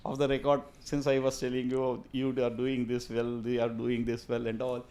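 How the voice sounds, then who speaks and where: A man's voice: medium pitch, little pitch movement, quick pace, darkish tone. A man with a Tamil Indian accent telling stories conversationally as an interview guest, earnest and emphatic, repeating phrases to drive points home.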